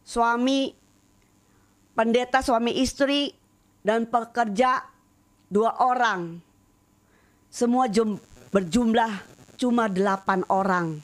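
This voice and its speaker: High-pitched middle-aged woman sharing her testimony at church, animated, does everyone's voices. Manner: animated, acts out other voices in her story. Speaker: testimony speaker.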